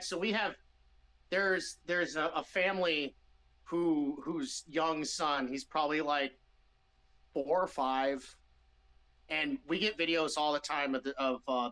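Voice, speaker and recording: A man's voice: fairly high pitch, pushed and bright, low-quality recording. A man with a Midwestern American accent, a band member chatting casually in an interview, rambling with restarts and easy laughs.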